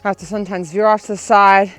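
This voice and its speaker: A woman's voice: medium pitch, steady tone, quick pace, a bit bright, no room sound, faint music behind. A woman vlogging casually and talking with effort while she runs outdoors. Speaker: running vlogger. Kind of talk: casual vlog talk to camera. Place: outdoors on a snowy road in falling snow.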